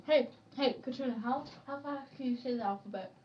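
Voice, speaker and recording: A woman's voice: high voice, fairly quick. A young woman chatting casually in a silly, teasing way. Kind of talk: casual playful chat. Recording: muffled, noisy, distant mic, clicks.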